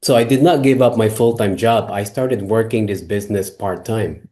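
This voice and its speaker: A man from the Philippines, a guest telling his own story in a measured way. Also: lowish voice, warm tone.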